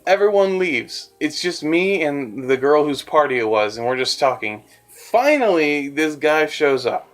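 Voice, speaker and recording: A man's voice: on the high side, unhurried. Rambling young man telling a story. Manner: rambling, self-deprecating, animated. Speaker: animator and storyteller. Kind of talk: casual storytime narration.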